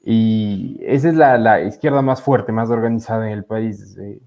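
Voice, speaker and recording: Here a young law student from Ecuador, speaking as a guest in a casual interview via video call, hesitates often and leans on fillers while explaining politics. The voice is lowish and darkish, moving at a moderate pace, with dull lo-fi sound.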